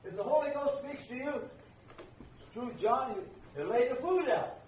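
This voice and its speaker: A man's voice: extremely high pitch, expressive, a little slow, darkish tone, a little hiss or hum. An older man preaching a sermon, emphatic and repeating his key phrases. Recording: echoey room, voice from far off.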